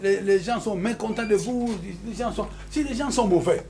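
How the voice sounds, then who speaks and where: Homme, congolais, sermon en appel-réponse, enregistrement de salle bruyant. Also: male voice, high-pitched, normal speed, warm tone. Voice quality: emphatic, repeats hallelujah to the congregation. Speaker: pastor. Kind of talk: sermon with call-and-response. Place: church hall. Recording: noisy church hall recording.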